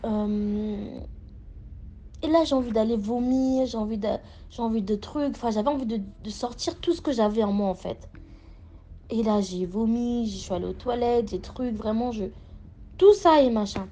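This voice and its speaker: A woman's voice: on the high side, moderate pace, dark tone. A young adult woman telling a personal story in a casual, rambling way, full of fillers and restarts. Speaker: storyteller sharing a personal experience.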